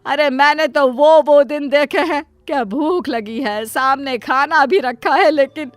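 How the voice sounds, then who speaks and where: A woman voicing a devoted, self-sacrificing middle-aged mother in a cartoon story, with soft music behind. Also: high-pitched, unhurried, no echo. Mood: defensive.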